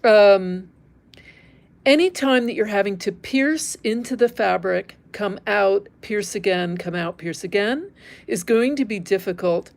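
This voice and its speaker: This Northern California embroidery teacher, middle-aged and American, hosts a relaxed livestream where she thinks aloud while stitching and chats with viewers. Her voice is mid-range and unhurried, with vocal fry.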